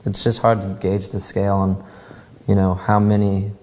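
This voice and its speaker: A man answering interview questions casually, with frequent ums and pauses. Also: lowish voice. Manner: relaxed, many ums and pauses. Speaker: musician interviewee. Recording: long reverb.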